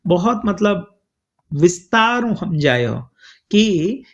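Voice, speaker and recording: A male preacher tells a devotional story at an unhurried pace, chanting verses and slipping into the voices of its figures. His voice sits high and swings widely in a sing-song way. The recording is muffled and lo-fi. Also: big pitch swings, a bit bright, a little hiss or hum. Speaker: preacher telling scripture stories. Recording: dull lo-fi recording.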